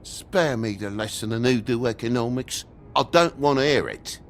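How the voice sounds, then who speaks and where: An actor voicing a grumpy, indignant talking toad with a British accent in a video game, griping and sarcastic. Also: male voice, medium pitch, moderate pace, lightly acted. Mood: bitter, angry. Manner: griping, sarcastic, foul-mouthed.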